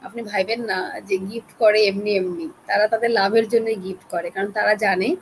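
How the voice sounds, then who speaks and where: A woman with a Bangladeshi accent teaching an online class, chatty and coaxing, keeping her voice soft to spare her throat. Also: medium pitch, fairly even intonation, normal speed, a little hiss or hum, poor audio. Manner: chatty, coaxing, talks straight to learners.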